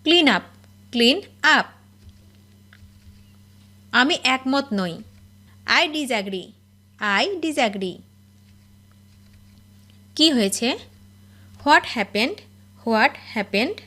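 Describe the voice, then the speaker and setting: A woman teaching spoken English, reading each phrase and then repeating the English slowly and clearly. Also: fairly high pitch, expressive, pushed and bright. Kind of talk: slow phrase-by-phrase language drill.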